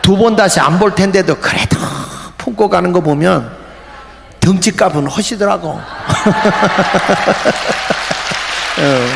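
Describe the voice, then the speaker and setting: A man preaching a fervent revival sermon as pastor, shouting at the peaks and dropping into joking asides. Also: high voice, moderate pace, vocal fry, crowd noise, noisy background. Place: large prayer retreat hall. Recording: echoey hall with faint ambience.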